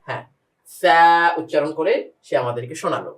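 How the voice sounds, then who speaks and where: A man's voice: a little high, lively intonation, moderate pace. A man teaching a step-by-step pronunciation lesson for reading the Quran. He patiently repeats each letter sound and speaks straight to a student and to the viewers. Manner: addresses a student and the viewers directly. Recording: roomy sound, voice from a distance.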